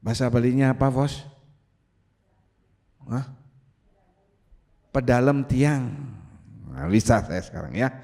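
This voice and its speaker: Animated male pastor shouting out cries. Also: mid-range voice, slow, long pauses. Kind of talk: sermon. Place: church sanctuary.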